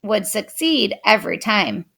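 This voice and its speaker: A woman's voice: medium pitch, vocal fry, husky. A woman expressively reading a children's picture book aloud. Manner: expressive, unhurried. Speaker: storyteller.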